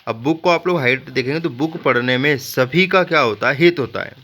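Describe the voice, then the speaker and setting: A male teacher walks students through memory tricks for a general knowledge lesson. His voice is bright and forceful, and he often breaks off into joking asides. He keeps checking in with the class as he goes. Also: medium pitch, brisk. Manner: repeats "ठीक है" as a check-in.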